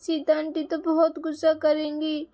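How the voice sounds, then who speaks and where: A woman's voice: sits high, monotone, normal speed, warm tone, lightly acted. A woman voicing an anxious mother in a doll-play bedtime story, who scolds the children. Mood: worried.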